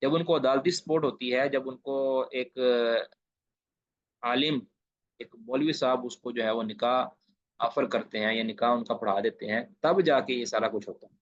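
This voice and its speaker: A man's voice: medium pitch, no room sound. A man from Pakistan gives an online Islamic studies lecture, explaining each Arabic phrase and repeating the key points with emphasis. His voice sits in an ordinary middle register. The sound comes through a dull, lo-fi call that is dry and close. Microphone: video call. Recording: dull lo-fi online class audio.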